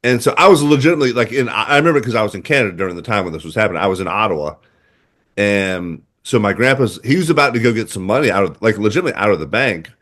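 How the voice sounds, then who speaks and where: A man co-hosting a sports podcast, who tells stories in a lively, chatty way. His pitch swings widely and he leans on filler words. It sounds like easygoing talk between friends. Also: racing. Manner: animated storyteller, many "like" fillers. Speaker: podcast co-host. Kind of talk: casual sports chat.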